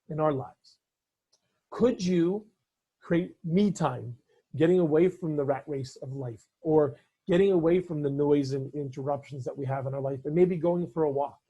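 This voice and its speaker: A man's voice: on the high side, dark tone, husky, poor audio. A man, a business coach, talking earnestly to camera and telling client stories. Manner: earnest storytelling. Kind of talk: motivational talk to camera.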